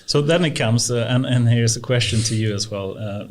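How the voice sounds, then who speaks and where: A man's voice: medium pitch, a little fast. A man hosting a casual podcast discussion and steering the topic. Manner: steers the topic, many fillers. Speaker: podcast host.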